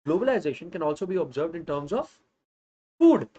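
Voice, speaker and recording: Brisk and emphatic, a North Indian online social science teacher in his thirties revises material live with students, interjecting Hindi phrases. His slightly high voice is warm and husky with big pitch swings, and the recording's highs are cut off.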